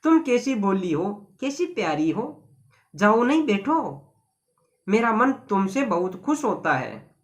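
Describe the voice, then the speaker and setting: A teacher voicing a rich older man who owns a garden, speaking in a gentle, coaxing way during a story lesson. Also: medium pitch, big pitch swings, takes it slowly.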